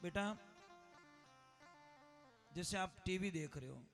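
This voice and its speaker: A man's voice: sits high, slow pace, fairly bright tone, faint music behind. A man preaching a moral sermon at a conference, acting out family stories with dramatic shifts in voice. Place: education conference hall.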